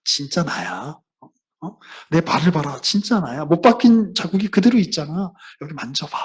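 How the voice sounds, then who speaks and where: A man voicing a risen teacher who gently chides his disciples, in a husky, familiar tone. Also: a little high, big pitch swings, normal speed. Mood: coaxing.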